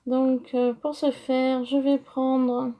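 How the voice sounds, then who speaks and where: A woman's voice: high-pitched, level tone, takes it slowly, warm tone, a little hiss or hum. A woman with a French accent explaining a paper-crafting project step by step, hesitant with many fillers. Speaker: crafting tutorial host. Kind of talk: casual craft tutorial.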